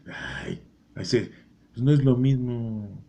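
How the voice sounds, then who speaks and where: A man's voice: mid-range voice, sing-song, takes it slowly, gravelly, dark tone. Joking man explaining scripture. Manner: folksy, joking, keeps asking "¿no?". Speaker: Bible teacher. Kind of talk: informal Bible chapter explanation.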